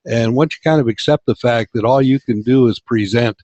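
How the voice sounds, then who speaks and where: A man's voice: medium pitch, brisk, a little mellow, no echo. A man hosting a casual online business meeting, upbeat and encouraging, speaking over a call. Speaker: webinar host. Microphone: video call. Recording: dull lo-fi call audio.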